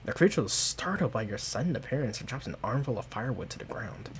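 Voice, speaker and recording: A man's voice: mid-range voice, sing-song, fast talker, a little hiss or hum. A man narrating a tabletop role-playing game as game master, telling the story in the second person.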